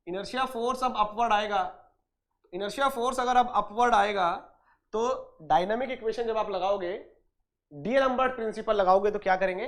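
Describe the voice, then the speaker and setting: His voice is high-pitched and a bit bright as he gives an online lecture preparing students for an engineering exam. Asking questions and answering them himself, he repeats key points, calls students dear and brother, and mixes in English technical language.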